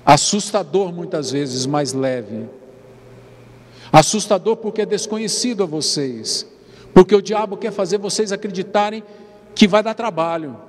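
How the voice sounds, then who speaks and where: A man's voice: sits high, unhurried. A Brazilian man preaching an evening church sermon as pastor. He calls out to the congregation and urges them to answer. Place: church sanctuary. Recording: long church hall reverb, faint noise.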